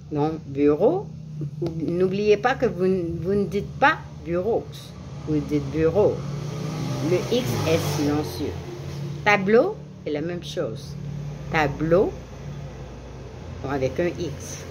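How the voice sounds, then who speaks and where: A woman leads a French lesson at a slow, careful pace, saying each word twice so learners can follow. Her voice sits a little low but moves up and down a lot, and she slips English glosses in between the French. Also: darkish tone, breathy edge. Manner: slow, deliberate repetition of words for learners. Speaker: French teacher. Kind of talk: classroom lesson.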